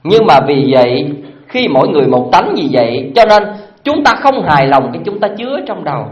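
Lively dharma teacher. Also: mid-range voice, brisk, reverberant, dull audio. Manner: lively storytelling with frequent rhetorical questions to the audience. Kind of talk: dharma talk sermon.

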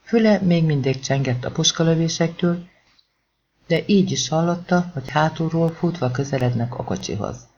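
An audiobook narrator with a slightly high, darkish voice reads a crime thriller aloud from a script, telling it in a tense, dramatic way. The recording is dull and lo-fi.

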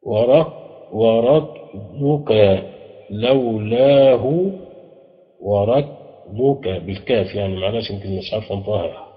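A man with an Egyptian Arabic accent teaching grammar, reciting verses in a slow chant and quizzing his students with short questions. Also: on the low side. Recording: echoey room, dull lo-fi sound.

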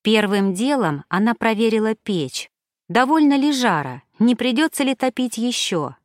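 A woman narrating an audiobook in a calm, even storytelling voice. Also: fairly high pitch, moderate pace, no room sound, studio quality. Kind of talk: scripted narration.

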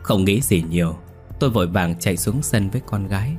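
Guy reading a ghost story, low husky voice, tense, faint music under it. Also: expressive, a little fast, a little mellow. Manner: tense first-person retelling. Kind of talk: scripted narration of a ghost story.

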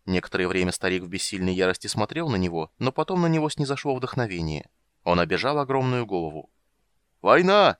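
A man narrates a fantasy audiobook with plenty of lively rise and fall in his fairly low voice. The sound is close and dry, with almost no room echo. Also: clear, resonant tone. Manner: expressive, animated reading.

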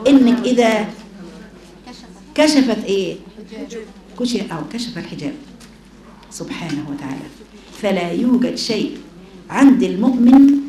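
A woman's voice: medium pitch, darkish tone, reverberant. A woman with an Egyptian accent teaching a religious lesson to a class, often asking her listeners questions. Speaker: Quran teacher.

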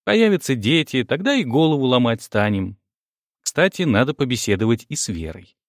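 A man reads a comic novel in the first person, wry and ironic, his voice moving lively up and down. The sound is dry and close on a studio mic. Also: medium pitch, normal speed, dry recording. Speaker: audiobook narrator.

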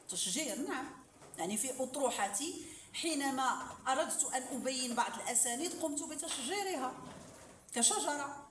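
A woman lecturer teaching a class, explaining with examples and asking rhetorical questions. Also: high-pitched. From Morocco. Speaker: lecturer in hadith sciences. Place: lecture hall. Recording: roomy hall, voice from far off, faint noise.

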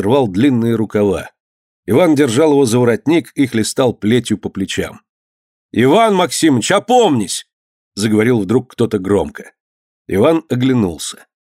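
A man narrating a historical story in an expressive storytelling manner. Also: medium pitch, no echo, studio quality. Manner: expressive storytelling, lively delivery. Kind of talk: audiobook reading of historical prose.

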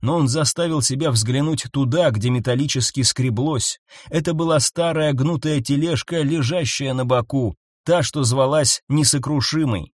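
A man narrating a science-fiction audiobook in a tense, measured reading style, recorded close to the mic. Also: medium pitch, no echo.

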